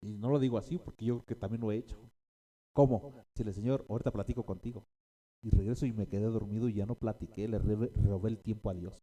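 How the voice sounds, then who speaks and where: A man's voice: on the low side, fairly even intonation, fast, dark tone. A man preaching a sermon as a pastor, repeating key phrases and often checking in with his listeners.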